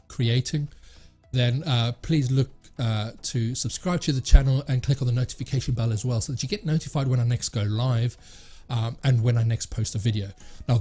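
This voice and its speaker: A man's voice: medium pitch, warm tone. A man hosting a tech channel, talking casually to camera and rambling with many fillers and restarts.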